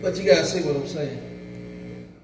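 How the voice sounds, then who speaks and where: A high-pitched male preacher drives his points home with scornful emphasis. His voice rings with a long hall reverb and sits far from the mic. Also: slow, background noise. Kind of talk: sermon to a youth revival.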